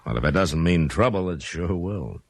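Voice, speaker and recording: Tired old west marshal on radio, low voice, wry and unhurried, few words. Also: male voice, animated, gravelly, exaggerated voice. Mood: guarded, courteous. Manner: laconic, dry, unhurried. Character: weary, wry frontier town marshal, grown man. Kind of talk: old-time radio western acting.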